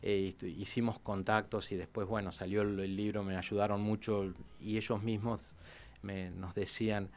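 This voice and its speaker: A man, a historian guest in a radio interview, telling history in an animated way with many restarts. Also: on the low side, moderate pace.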